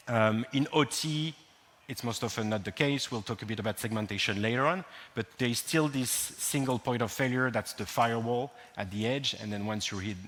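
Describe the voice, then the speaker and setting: A Frenchman with a French accent gives a technical conference talk full of ums and restarts. His voice sits on the low side with a bit of brightness, and the recording carries long hall reverb.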